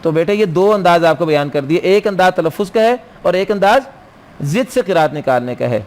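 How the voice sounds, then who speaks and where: A man teaching Quran recitation rules in a classroom lecture, quizzing his students and answering his own questions, and slowly chanting Arabic verse lines. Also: high voice, lively intonation, a little mellow.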